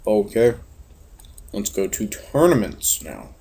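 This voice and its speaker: A young man from Florida with a monotone voice, giving laid-back, casual gameplay commentary full of fillers and offhand swearing. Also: lowish voice, slow pace, gravelly, breathy edge. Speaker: game commentator.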